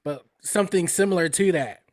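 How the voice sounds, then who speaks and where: A man's voice: high-pitched, a little fast, no echo, clean studio sound. Laid-back man hosting a chat. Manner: easygoing, hedging with fillers. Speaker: podcast co-host. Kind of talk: casual chat.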